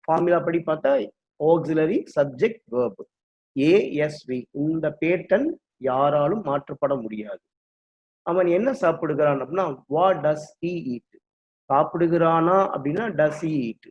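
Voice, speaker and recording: Male English tutor, patient drill style, raised pitch, dull lo-fi audio. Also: expressive, takes it slowly. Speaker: English teacher. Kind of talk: classroom explanation in Tamil with English drills. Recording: dull lo-fi recording.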